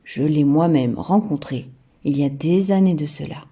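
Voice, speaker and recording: A woman's voice: deep voice, normal speed, dark tone, slightly rough. A woman voicing a solemn, cautioning monster father, with dramatic storybook delivery for a toddler. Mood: stern warning.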